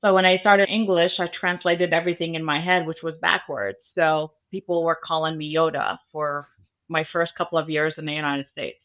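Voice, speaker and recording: This guest, founder of a cybersecurity school, is a native Arabic speaker from an Arabic-speaking country, interviewed for a podcast around Las Vegas. Her voice is bright yet sits low, with little pitch movement and a moderate pace.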